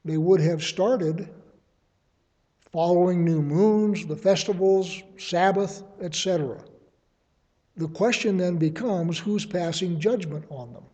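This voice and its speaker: A man leads a verse-by-verse Bible study, reasoning aloud in a measured way and presenting his interpretations as suggestions. His voice is a little high with a dark tone, and the sound suggests a big room.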